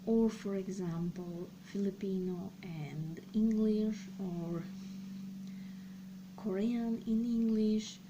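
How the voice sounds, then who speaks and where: A young woman from Serbia, whose first languages are Slovak and Serbian, hosts a language channel and speaks in a casual personal vlog. Her medium-pitched voice has fairly even intonation and she talks slowly and haltingly, thinking aloud with many pauses. The lo-fi recording has clear background noise.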